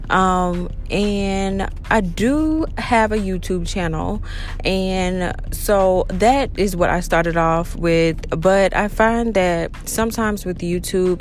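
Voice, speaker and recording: A woman's voice: fairly low pitch, a little hiss or hum. Chatty young woman podcaster. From Louisiana, Baton Rouge. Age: 20s. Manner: chatty, rambling, many fillers like "you know" and "um". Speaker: podcast host. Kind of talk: casual solo podcast chat.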